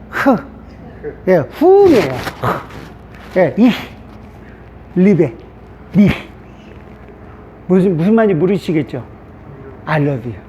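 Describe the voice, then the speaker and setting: A middle-aged man, a pastor, giving a chatty classroom lecture on the Greek alphabet, checking in with the class often. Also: darkish tone. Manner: chatty, repetitive, asks class "됐죠?". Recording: dull low-fi sound with faint hiss.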